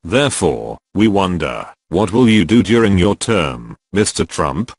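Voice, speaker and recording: A man's voice disguised and pushed low by an electronic changer, reading a scripted statement in a solemn, declamatory way. The pitch still swings widely from phrase to phrase, and the sound is dry and close with no room around it. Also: big pitch swings, unhurried, husky, dry recording. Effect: disguised deep voice, electronically altered.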